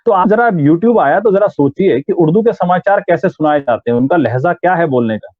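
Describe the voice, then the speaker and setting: Man explaining voice training, high voice. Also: lively intonation, moderate pace, no room sound. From Uttarakhand, India. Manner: instructive, demonstrates sounds aloud. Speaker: voice artist and theatre artist. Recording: tinny phone-like line, dry.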